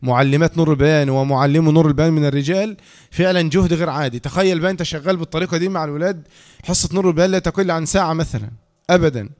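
A man with an Egyptian accent gives a lecture on reading rules, and his voice sits noticeably high. He talks quickly, drilling the same phrases again and again. He keeps prompting his listeners to fill in the missing word. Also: a little mellow. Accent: Egyptian Arabic. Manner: repeats key phrases and quizzes listeners with "إيه؟". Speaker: teacher.

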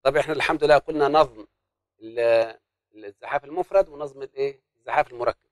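A man with an Egyptian Arabic accent teaching a classroom lesson, explaining slowly, repeating terms and quizzing his pupils with questions. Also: medium pitch, dry recording.

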